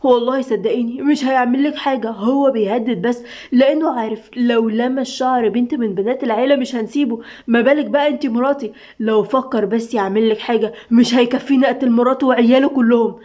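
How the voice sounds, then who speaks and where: A woman playing a protective Egyptian husband, firm, fast, dull lo-fi sound. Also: on the high side, mellow, close to an everyday voice. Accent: Egyptian Arabic. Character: protective young husband, tender but fierce. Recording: dull lo-fi recording.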